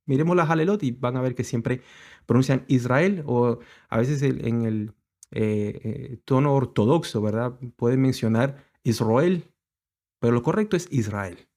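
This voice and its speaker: A man delivers a teaching sermon at an ordinary middle pitch. He explains patiently and halts often, restarting his phrases as he works through his slides. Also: dark tone. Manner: hesitant, many fillers and restarts, explanatory. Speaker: congregation teacher.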